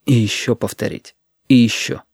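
A man narrates a novel as an audiobook, in a measured, even storytelling manner. His voice sits at a middle pitch. The recording is dry with no room sound. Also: vocal fry, slightly rough, dry recording. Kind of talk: scripted narration.

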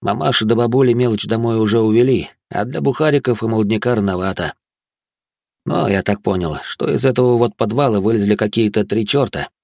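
A man voicing a gruff, tipsy beat cop. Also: fairly low pitch, fairly quick, darkish tone, dry recording, studio quality. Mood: grumbling. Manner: grumbling, world-weary. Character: gloomy middle-aged male beat cop, tipsy.

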